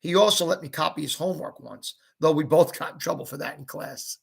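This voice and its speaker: Raspy man reading a novel aloud. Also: fairly high pitch, fairly quick. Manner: expressive, conversational asides. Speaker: reader and commentator.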